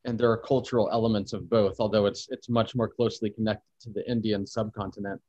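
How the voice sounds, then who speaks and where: A man's voice: lowish voice, little pitch movement, fast, no room sound. A man recounts his travels in a thoughtful, expansive manner. His voice sits in an ordinary middle register, heard over a muffled, slightly dull line. The sound is dry, with no room around it. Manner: thoughtful, expansive, speaks of cultural experiences warmly. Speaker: podcast guest, traveler and photographer. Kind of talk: reflective storytelling in conversation.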